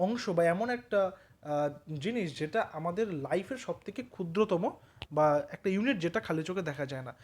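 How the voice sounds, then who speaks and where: A man teaching a grammar lesson with a Bengali accent, explaining step by step and often asking whether students follow. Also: high-pitched. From West Bengal. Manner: explains step by step, asks checking questions.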